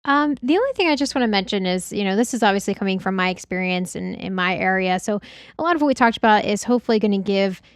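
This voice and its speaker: A woman's voice: mid-range voice, animated, quick pace, no echo, clean studio sound. A woman co-hosting a podcast, giving practical advice from her own experience in a casual, conversational style.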